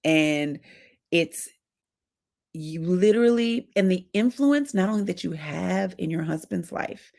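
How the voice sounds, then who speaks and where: A middle-aged woman with a gravelly, low voice gives marriage advice to wives in a casual talk. She speaks directly and animatedly, slipping into little acted-out exchanges between spouses. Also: animated, measured pace, darkish tone. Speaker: marriage coach and host.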